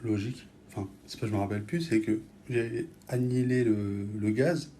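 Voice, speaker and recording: Jeune Français au parler cru, son bruité. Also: male voice, fairly low pitch, fairly even intonation, normal speed, dark tone, slight background noise. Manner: offhand, blunt, swearing. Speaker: vlogger filming stories for followers. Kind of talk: casual chat to camera, slangy.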